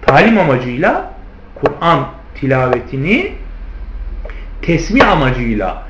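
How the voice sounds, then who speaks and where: A man's voice: fairly high pitch, noisy background. A man teaching a theology lesson, who keeps asking rhetorical questions and answering them himself, and who calls his listeners friends. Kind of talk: lecture on hadith commentary. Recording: roomy, slightly dull lecture recording.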